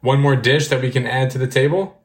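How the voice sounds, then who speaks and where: A man's voice: medium pitch, fairly even intonation, a little fast. A man hosting a podcast interview, asking questions and affirming his guests' answers in an encouraging way. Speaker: podcast host. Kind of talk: interview moderation.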